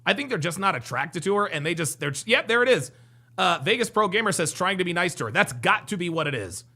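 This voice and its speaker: A man's voice: high-pitched, big pitch swings, fast, gravelly, bright, forceful tone. A man commenting live on a dating show clip, joking and repeating himself as he reads out viewer comments. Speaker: streamer reacting to a dating show. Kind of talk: live stream reaction commentary.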